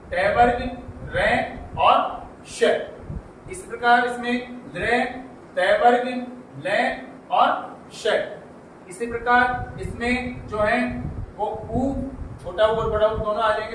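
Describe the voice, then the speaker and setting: A man's voice: very high voice, fairly bright tone, a little hiss or hum. A male teacher giving an exam-prep grammar lesson. He repeats key points as questions and then answers them. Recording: roomy echo, from a distance.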